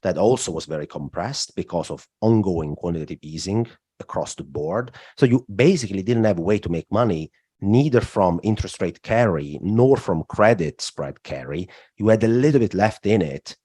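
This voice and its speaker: A man from southern Italy, a podcast guest explaining markets in a thoughtful way, often starting with "look" and pausing on "uh". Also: sits low, expressive, dark tone, breathy edge, no echo, studio quality. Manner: explanatory, frequent "look" and "uh" fillers. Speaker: guest, macro strategist. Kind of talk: podcast interview.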